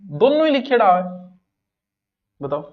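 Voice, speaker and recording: A man's voice: high-pitched, sing-song, unhurried. A man with a Rajasthani accent teaching an exam-prep lesson, quizzing his students and moving between Hindi and local dialect. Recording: dull lo-fi recording.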